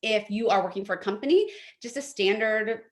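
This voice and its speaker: A woman's voice: medium pitch, fairly quick. Chatty woman teaching online etiquette. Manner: friendly, practical, chatty with fillers. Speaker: etiquette workshop presenter. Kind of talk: online workshop presentation. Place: home office by a window.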